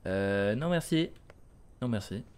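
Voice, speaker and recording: A man's voice: on the low side, lively intonation, takes it slowly, darkish tone. A man in his thirties casually commenting live on a horror game and chatting with his viewers, muttering to himself with bursts of exclamation. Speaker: streamer playing a horror game. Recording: clearly noisy, game ambience behind. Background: horror game ambience.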